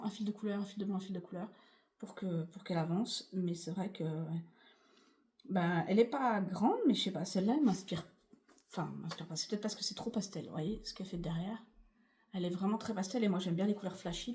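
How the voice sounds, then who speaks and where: A woman's voice: mid-range voice, mellow. A woman vlogging casually about her cross-stitch projects, rambling and chatty with many fillers. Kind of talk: casual chatty craft vlog.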